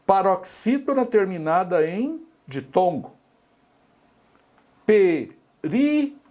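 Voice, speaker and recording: Slow, higher-pitched Brazilian male teacher. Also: expressive, darkish tone. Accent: Brazilian Portuguese. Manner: explanatory, frequent tag questions. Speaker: Portuguese teacher. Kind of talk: exam-prep grammar lesson.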